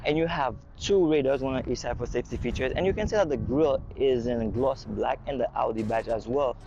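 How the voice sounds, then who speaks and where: Excited man hyping a car outdoors. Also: mid-range voice, fairly quick, dull audio, noisy background. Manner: excited, enthusiastic hype talk. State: slightly out of breath in the heat. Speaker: car reviewer. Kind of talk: casual car walkaround review. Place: outdoors on a car dealership lot.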